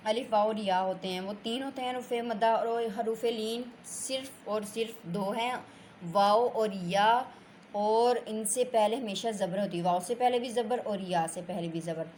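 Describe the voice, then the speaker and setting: A woman with a mid-pitched voice gives a Quran reading lesson. She talks patiently and draws out her words, repeating syllables for her learners. A faint hiss sits under the recording. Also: unhurried, darkish tone. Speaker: Quran recitation teacher. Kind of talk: slow step-by-step lesson.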